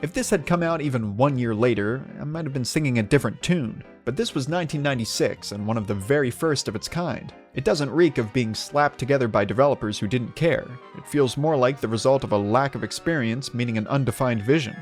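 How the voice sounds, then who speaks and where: A man's voice: mid-range voice, brisk, hardly any pauses, faint music behind. Wry man narrating a game review. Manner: sarcastic, wry. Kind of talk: scripted video essay narration.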